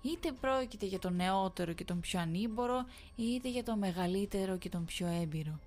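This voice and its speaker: A woman's voice: mid-range voice, a little mellow, faint music behind, close to an everyday voice. A woman voicing a sinister, sweetly menacing village woman who keeps insisting.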